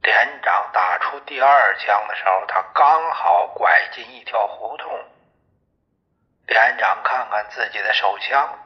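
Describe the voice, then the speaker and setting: A man narrating a novel in the first person, in a measured storytelling manner. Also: on the low side, dull audio. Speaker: audiobook narrator.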